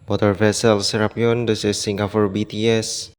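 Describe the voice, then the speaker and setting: A man working as a port control operator, speaking in flat, formal radio procedure heard over a marine radio. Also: fairly low pitch, normal speed, echoey room, in a large hall, a little hiss or hum. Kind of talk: scripted marine radio exchange.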